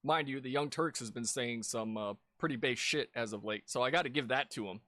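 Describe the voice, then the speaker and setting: A man co-hosting a reaction video, arguing his points deliberately. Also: mid-range voice, sharp tone, dry recording. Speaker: co-host. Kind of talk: casual reaction commentary.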